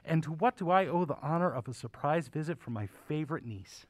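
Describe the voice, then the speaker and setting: In an audio drama, a male actor plays a courtly, whimsical old uncle who runs a curiosity shop, genial and theatrical with old-fashioned manners. He sounds delighted, speaking fairly quickly in a fairly high voice with lively intonation, recorded dry.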